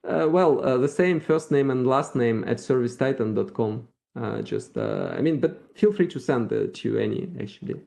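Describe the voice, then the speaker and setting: A man with a Russian accent giving a live software demo at a meetup, thinking aloud with halting restarts. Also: mid-range voice, vocal fry. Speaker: featured speaker at a developer meetup.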